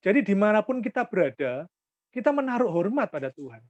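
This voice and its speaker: A man's voice: sits high, very animated, brisk, a little mellow, no echo. A man preaches a sermon, bringing his anecdotes to life by acting out the people in them. The recording is dry and a little dull, with the muffled feel of lo-fi sound. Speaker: pastor.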